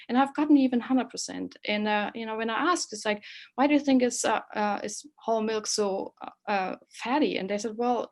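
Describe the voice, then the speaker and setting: Presenting a webinar, this East German woman in her forties, an associate professor, speaks with a German accent and a mid-range voice. Her delivery is earnest and warm, peppered with frequent um and uh fillers.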